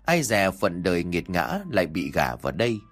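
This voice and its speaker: A man reading a dark folk tale aloud in a dramatic, expressive audiobook style. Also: deep voice, normal speed. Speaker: storyteller. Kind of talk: scripted audiobook narration. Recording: soft background music.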